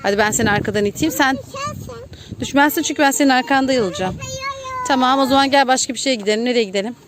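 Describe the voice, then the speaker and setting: A woman's voice: sits high, fast talker, background noise. A Turkish-accented woman, a mother filming her small child at an outdoor playground, coaxing him along, counting and cheering in a playful way. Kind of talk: casual chat with a toddler.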